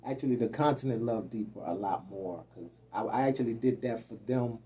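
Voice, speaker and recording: A man guesting on a podcast chats in an easygoing way, his sentences trailing off softly. He sits back from the mic, and there is a faint noise in the room. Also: lowish voice, a little fast, recorded from a distance. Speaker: guest musician. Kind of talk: casual chat.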